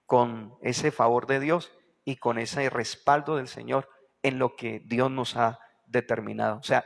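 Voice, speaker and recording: Gravelly-voiced pastor man preaching in reverb. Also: medium pitch. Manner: constant rhetorical questions to the congregation; repeats key phrases with emphasis. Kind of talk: sermon.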